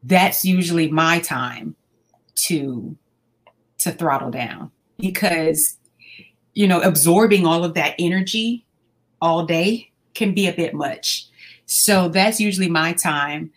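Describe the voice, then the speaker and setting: Calm, laughing woman guest. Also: fairly low pitch. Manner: calm, measured, laughs often while talking. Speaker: school staff working with students. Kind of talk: casual interview conversation.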